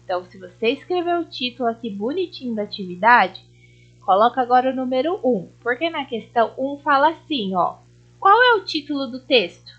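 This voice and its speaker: A Brazilian woman teaching young children a remote lesson, explaining slowly and patiently with lots of tag questions. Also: high-pitched, very animated. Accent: Brazilian Portuguese. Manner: slow, patient, sing-song explaining with frequent tag questions. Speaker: primary school teacher. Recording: slightly dull lo-fi audio.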